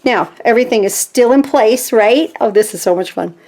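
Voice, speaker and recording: A woman hosting a casual craft tutorial from her home craft room, chatting to viewers and getting excited as she works. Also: on the high side, moderate pace, a little hiss or hum. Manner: chatty and easily excited, talks to viewers while working. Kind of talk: casual step-by-step craft demonstration.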